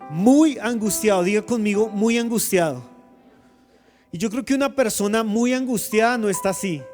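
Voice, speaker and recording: A man's voice: high-pitched, a little mellow. A man preaching a sermon as a guest pastor, calling the congregation to repeat phrases and acting out quoted lines. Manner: preaching with call-and-response, dramatic quoted speech. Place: church.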